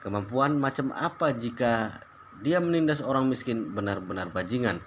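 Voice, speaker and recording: A man's voice: medium pitch, lively intonation, normal speed, slight background noise, natural voice. Indignant young woman, read by a guy in his own voice, storybook.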